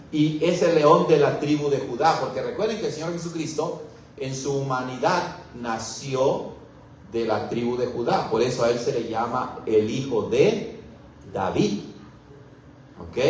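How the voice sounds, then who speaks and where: Mexican pastor preaching in an echoey hall. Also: male voice, mid-range voice, slight background noise. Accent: Mexican Spanish. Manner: teacherly, asks the congregation questions. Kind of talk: expository Bible sermon. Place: church hall. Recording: very echoey room, mic far off.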